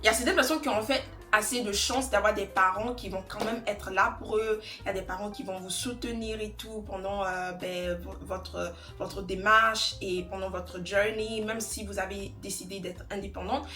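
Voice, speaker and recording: A young beauty vlogger from Côte d'Ivoire chats casually during a get-ready-with-me video, rambling and laughing often as she does her makeup. Her mid-range voice is steady and sharp at normal speed with few pauses, in a roomy space with soft background music.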